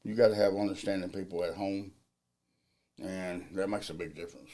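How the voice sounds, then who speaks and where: Talking briskly in a casual interview, a middle-aged general foreman of a field crew describes his job. His deep, low voice comes out loud and down-to-earth, his grammar is folksy and loose, and he never loses his easygoing calm.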